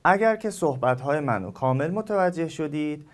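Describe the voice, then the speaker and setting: A man's voice: a little high, lively intonation. Man teaching English with a Persian accent. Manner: slow, spelled-out explanations with repeated examples. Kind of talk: recorded online lesson.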